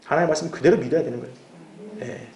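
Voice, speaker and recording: A man's voice: on the high side, racing, a little mellow, echoey room. A male pastor giving a conversational sermon, asking the congregation questions and acting out short dialogues. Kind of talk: sermon, Bible exposition.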